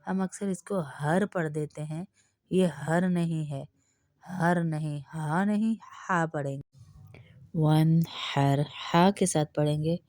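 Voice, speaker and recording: A woman teaching Quran recitation, switching between brisk explanations and slow, drawn-out demonstration of each word. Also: low voice, warm tone, no echo, clean studio sound.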